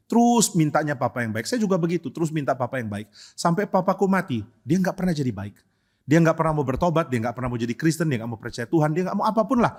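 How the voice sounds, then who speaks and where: Animated male pastor preaching. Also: a little high, fast talker. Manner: animated, conversational, acts out quoted voices. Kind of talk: expository sermon. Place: church service.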